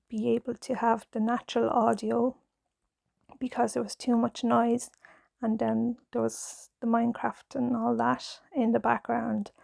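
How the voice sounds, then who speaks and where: An Irish mother who makes knitting ASMR whispers softly in pajamas at home, a clip-on mic fixed to them. Her husky, somewhat high voice comes out slow, gentle, hesitant, and nervous, with lots of vocal fry and many fillers. The close mic gives a dry recording of the soft-spoken ASMR chat.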